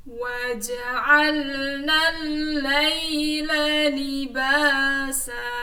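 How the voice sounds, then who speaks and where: A woman Quran teacher leading a class, explaining slowly and patiently and chanting verses in a melodic recitation for pupils to repeat. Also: a little high, fairly bright tone, echoey room, recorded from a distance.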